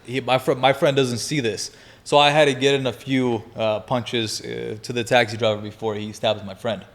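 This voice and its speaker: A man's voice: medium pitch, moderate pace. Young man telling a wild story. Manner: energetic, profane, laughing through the story. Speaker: podcast guest. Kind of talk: animated storytelling in casual chat.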